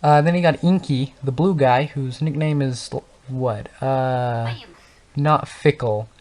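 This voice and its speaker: Over gameplay, a young man who hosts a gaming channel chats off the cuff in a slow, mid-range voice with a darkish tone. His talk wanders as he thinks out loud, full of fillers, stutters and stumbles.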